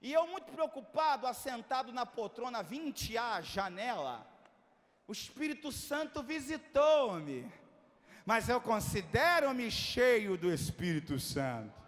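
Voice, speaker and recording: A man's voice: extremely high pitch, sing-song, takes it slowly. A man with a Brazilian Portuguese accent preaching a sermon, telling a story dramatically and building to emphatic declaiming. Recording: long reverb of a large hall.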